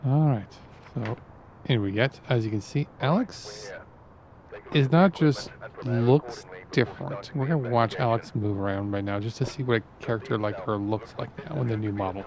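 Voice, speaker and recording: A native French speaker with a Canadian accent hosts a game live stream, rambling on and explaining things at length to his viewers in casual commentary. His voice is mid-range and a little mellow, at a moderate pace.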